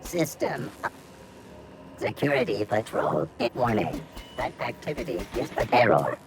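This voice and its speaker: Glitching robot ship computer. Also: male voice, medium pitch, big pitch swings, a little slow, gravelly, background noise. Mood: malfunctioning. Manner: clipped, broken-off system announcements. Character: malfunctioning male ship computer, stuttering, glitching. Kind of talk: video game dialogue.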